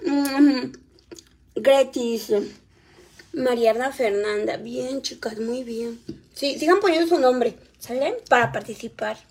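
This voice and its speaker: Chatty high-voiced woman live-streaming. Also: slow pace. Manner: chatty, reads viewer comments aloud, tends a small child. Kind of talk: casual live-stream chat while eating. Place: home, at a meal.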